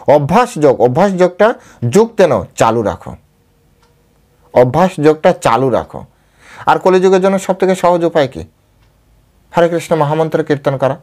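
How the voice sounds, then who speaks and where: A man's voice: a little high, a little mellow. Bengali-accented man preaching a scripture class. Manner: explains step by step, asks and answers his own questions, repeats key phrases; chants and quotes verses slowly. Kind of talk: devotional scripture lecture.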